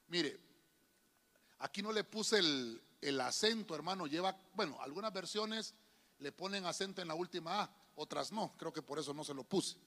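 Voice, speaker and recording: In a church hall with long reverb, a pastor with a high, bright and forceful voice gives a sermon. He calls out to those gathered and keeps repeating "hermano," calling them brother.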